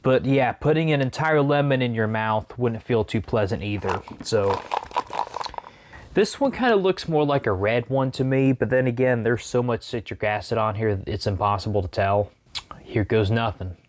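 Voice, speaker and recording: A man's voice: mid-range voice, moderate pace, slight background noise. Man chatting while eating sour candy. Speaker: food challenge vlogger. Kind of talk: casual chat to camera.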